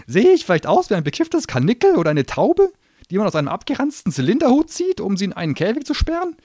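A man voicing a sarcastic, hot-tempered little male gnome demon who grants wishes, shrill and mocking, in an audiobook reading. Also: wildly swooping pitch, quick pace, darkish tone, dry recording, studio quality, full character voice. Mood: scornful.

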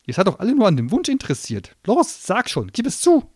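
A man voicing a sarcastic, hot-tempered little male gnome demon who grants wishes, shrill and mocking, in an audiobook reading. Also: wildly swooping pitch, fairly quick, slightly rough, no echo, clean studio sound, full character voice. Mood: scornful.

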